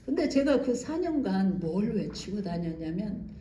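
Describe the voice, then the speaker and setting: A woman's voice: mid-range voice, big pitch swings, a little slow, mellow, slight background noise. A woman missionary giving a special lecture at a church, telling stories animatedly with acted-out quotes. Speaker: missionary speaker. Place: church hall. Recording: echoey church hall.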